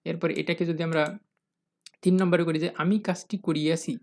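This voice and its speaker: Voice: medium pitch, steady tone, darkish tone. Patient teacher asking and answering questions. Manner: reads example sentences slowly and deliberately; addresses the viewers as "dear learners". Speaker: English grammar teacher. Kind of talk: recorded grammar lesson.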